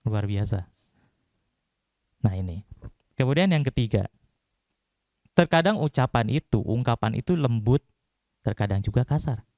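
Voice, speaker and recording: A man's voice: medium pitch, animated, measured pace, pauses often, darkish tone, dry recording, studio quality. A young man giving a casual Buddhist dhamma talk, chatty and joking, often putting questions to the audience. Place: temple hall.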